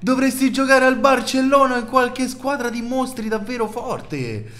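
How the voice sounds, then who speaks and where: A man voicing a gentle, anxious young male monster who is a shy, earnest boyfriend. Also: very high-pitched, moderate pace. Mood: cheerful. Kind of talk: roleplay voice acting.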